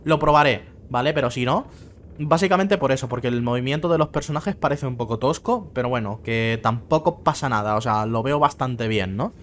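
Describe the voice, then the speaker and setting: A let's play host with a mid-range, fairly bright voice chats briskly about the game he's playing, sometimes reading its lines aloud in character voices. Faint game music and slight background noise sit behind him.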